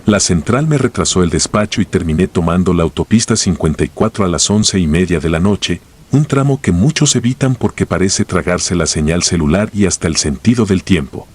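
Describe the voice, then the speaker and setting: A man reading a first-person horror story in a slow, grave storytelling manner. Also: sits low, expressive, breathy edge.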